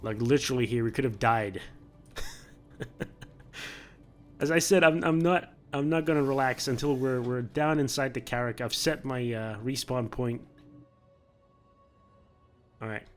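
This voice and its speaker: A man's voice: medium pitch, a little slow, long pauses, faint music behind. Man narrating his gameplay, chuckling. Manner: talks himself through careful maneuvers, chuckling. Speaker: gameplay video host. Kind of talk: casual gameplay commentary.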